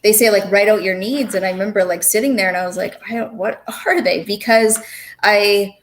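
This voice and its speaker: A woman's voice: medium pitch, fairly quick. A woman in her forties, a podcast guest speaking candidly and personally, often restarting her sentences. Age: 40s. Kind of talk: casual conversation.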